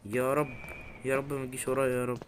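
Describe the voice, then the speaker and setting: A man's voice: medium pitch, level tone, racing, heavy background noise. A man with an Egyptian Arabic accent giving jittery horror game commentary, muttering prayers and letting out sudden scared yelps. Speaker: gaming YouTuber.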